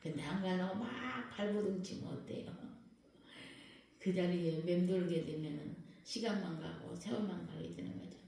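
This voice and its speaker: A woman pastor delivers a sermon in a mellow, warm voice, often turning to her congregation with questions. She stands some way back from the mic, and the hall gives her voice a heavy, lingering echo. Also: lowish voice, creaky. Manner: lively preaching that keeps questioning the congregation. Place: prayer house worship hall. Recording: very echoey hall, voice far from the mic.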